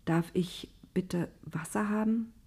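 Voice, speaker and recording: In an audio storybook, a frightened young man pleads timidly, as a woman reading puts him on. His lines are raised and anxious, with a low, fearful softness at times. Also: takes it slowly, husky, heavily acted.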